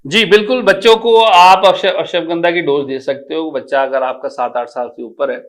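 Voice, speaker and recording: A middle-aged man, an Ayurvedic doctor explaining health advice in an animated, explanatory way. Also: on the high side, normal speed. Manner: animated, explanatory, with homely personification.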